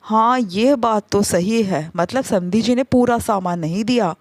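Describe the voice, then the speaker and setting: A woman voicing a sharp-eyed, meddling older aunt who makes pointed remarks. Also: medium pitch, measured pace, no room sound, natural voice.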